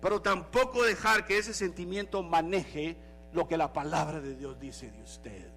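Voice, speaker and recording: A male pastor preaching a sermon in an animated way, slipping in English phrases now and then. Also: fairly high pitch, measured pace, faint music behind.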